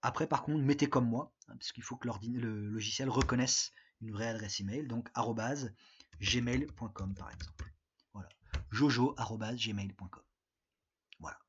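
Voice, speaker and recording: Husky-voiced man teaching a remote lesson. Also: medium pitch, normal speed. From France. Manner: patient, step-by-step instructions with many fillers. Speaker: English teacher. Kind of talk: recorded remote lesson with screen walkthrough. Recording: dull lo-fi sound.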